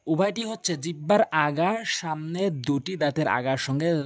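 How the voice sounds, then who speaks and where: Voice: medium pitch, no room sound. A Quran recitation teacher giving a pronunciation lesson, patiently explaining tongue and mouth positions and drilling each letter sound over and over. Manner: slow drilling, repeating letter sounds to demonstrate.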